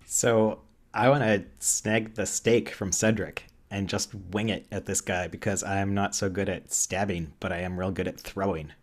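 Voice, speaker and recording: Dry-joking man, low voice. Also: steady tone, moderate pace. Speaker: player.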